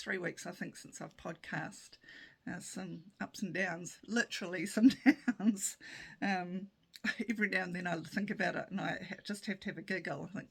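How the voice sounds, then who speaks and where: A woman's voice: lowish voice, gravelly, fairly bright tone, husky. A New woman in her fifties, hosting her own podcast in a casual, chatty way, mocking herself and often breaking into laughter. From New Zealand. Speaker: podcast host. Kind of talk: casual chat.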